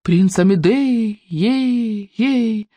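A reader voicing a gloomy forest echo spirit in an audiobook fairy tale, booming and repeating word endings. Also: very slow, mellow.

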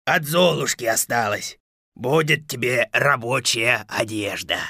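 A gravelly, bragging fairy-tale wolf. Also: male voice, mid-range voice, measured pace, bright, forceful tone, no room sound, clean studio sound, heavily acted. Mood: grumbling. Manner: growling, menacing, mocking. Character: greedy boastful male wolf from a fairy tale. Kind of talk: audio fairy tale acting.

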